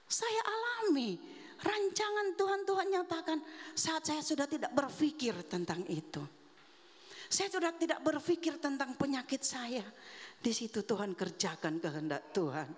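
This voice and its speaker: A woman's voice: high-pitched, expressive, normal speed. Earnest woman preaching in an echoing hall. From Manado, Indonesia. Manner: earnest, confessional, addressing the congregation directly. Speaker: guest preacher. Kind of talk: sermon testimony. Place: church sanctuary. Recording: reverberant church hall.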